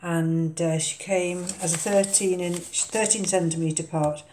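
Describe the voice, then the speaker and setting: A woman's voice: lowish voice, fairly even intonation, a little slow, warm tone, echoey room, a little hiss or hum. An older woman chatting casually about potting an orchid in her kitchen, hesitant with many ums and uhs. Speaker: orchid vlogger. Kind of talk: casual chat while potting a plant. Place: home kitchen.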